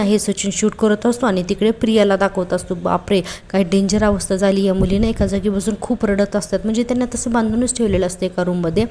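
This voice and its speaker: A woman's voice: medium pitch, dark tone. A woman recapping a TV serial episode in a chatty way, retelling scenes with quoted dialogue and exclamations.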